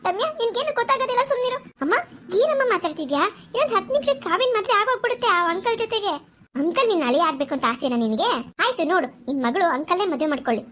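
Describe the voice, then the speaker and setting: Blunt young sister. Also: female voice, very high-pitched, animated, rapid-fire, a bit bright. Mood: blunt defiant. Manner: blunt, defiant. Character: blunt outspoken young woman, bride's sister. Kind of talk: cartoon voice acting.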